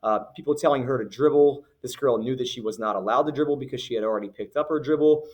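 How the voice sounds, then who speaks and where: A man's voice: mid-range voice, quick pace. A man running a youth basketball league, giving firm, earnest rules to parents in a recorded announcement, with many fillers and restarts. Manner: repeats phrases for emphasis.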